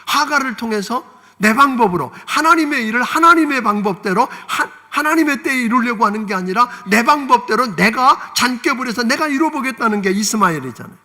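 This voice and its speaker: A man's voice: extremely high pitch, lively intonation, brisk, pushed and bright, long reverb tail. A male pastor preaching a sermon, asking the congregation for amens and acting out quoted lines. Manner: preaching with call-and-response amens and dramatized quotes. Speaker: senior pastor. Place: church sanctuary.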